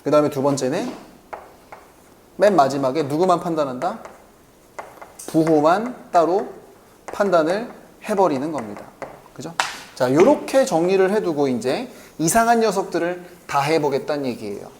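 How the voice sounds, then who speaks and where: A man teaching a math lesson, who keeps asking the class quick questions and then answers them himself. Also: on the high side, animated, a little mellow, slight background noise. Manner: keeps checking in with quick rhetorical questions to students; answers his own questions aloud.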